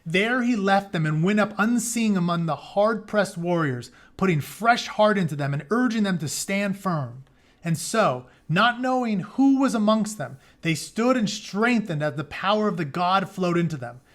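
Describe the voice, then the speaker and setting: Here a teacher reads an epic story aloud in a high, expressive voice at a moderate pace. The dramatic reading is interrupted by casual asides where he explains things in plain, informal terms.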